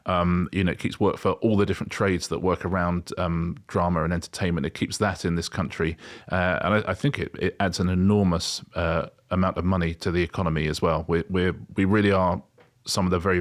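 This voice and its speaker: A man's voice: low voice, level tone, a little fast. A middle-aged man co-hosting a podcast, chatting casually and wryly, rambling with frequent restarts. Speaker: podcast co-host. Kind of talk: casual chat.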